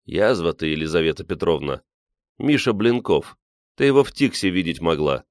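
A man reading an audiobook, voicing a wry, steady young man who teases dryly. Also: deep voice, moderate pace, no echo. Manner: dry, wry.

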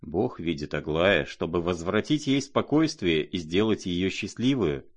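A man playing a gentle, troubled young nobleman who speaks quietly and pleadingly. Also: deep voice, lively intonation, unhurried. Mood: sorrowful.

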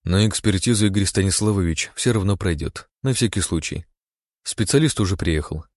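A man voicing a formal male prince who asks measured questions. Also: low-pitched, darkish tone, no room sound, studio quality, natural voice.

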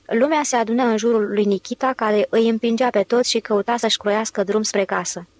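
A woman reading a novel aloud in steady, measured literary narration. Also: on the high side. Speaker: audiobook narrator.

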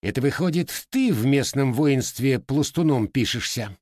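A man's voice: mid-range voice, animated, normal speed, a little mellow, dry recording, clean studio sound, voice pushed up, close to an everyday voice. A man voicing an officious middle-aged male police captain who questions and orders curtly in an audiobook.

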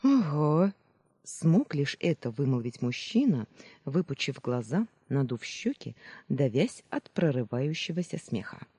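An audiobook narrator reading a first-person story with expressive delivery. The voice moves up and down a lot and has a dark, husky tone. The recording is dry and close with no room sound. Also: mid-range voice, measured pace, no room sound.

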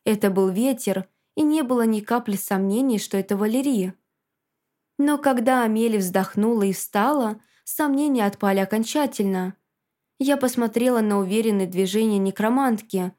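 A woman narrating a first-person fantasy story in a measured, dramatic storytelling manner. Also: a little high, mellow. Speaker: audiobook narrator.

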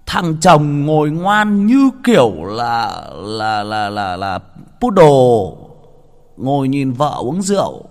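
A man's voice: mid-range voice, sing-song, slow. A man telling a story in a casual, chatty first-person way, stumbling over and repeating words as he talks straight to his listeners. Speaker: storyteller host.

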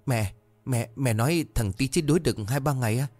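A man's voice: medium pitch, fairly quick, a little mellow, no room sound, soft background music, voice pushed up, lightly acted. A man voicing a timid, curious young village boy who asks frightened, pleading questions. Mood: anxious.

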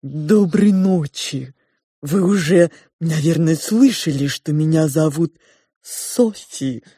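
Lady putting on a slow pompous pig with two heads, low-key dark voice, drags every word. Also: husky, dry recording, clean studio sound, heavily acted. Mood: ponderous. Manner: slow, ponderous, drawn-out speech. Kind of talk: audiobook character voice.

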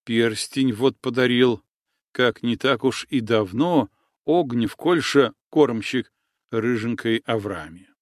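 A man narrating an audiobook in an expressive storytelling manner. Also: mid-range voice, slow pace, dry recording, clean studio sound. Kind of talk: audiobook reading.

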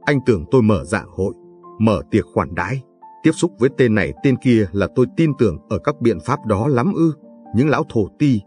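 A man reading the part of a scheming party leader who scolds his underling slowly and with contempt, in an audiobook narration. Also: fairly low pitch, animated, darkish tone, lightly acted. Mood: cold scorn. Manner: slow, measured, scornful. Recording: dry, faint background music.

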